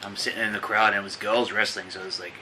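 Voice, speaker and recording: Thirties guy from australia, lowish but really bright voice, chill and blunt. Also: level tone, quick pace, slight background noise, poor audio. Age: 30s. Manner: laid-back, blunt, laughs easily. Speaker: podcast guest. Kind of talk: casual chat.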